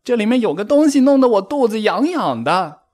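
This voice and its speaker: A man voicing a timid, excitable young female rabbit in a storybook, with a shrill, panicky way of talking. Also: measured pace.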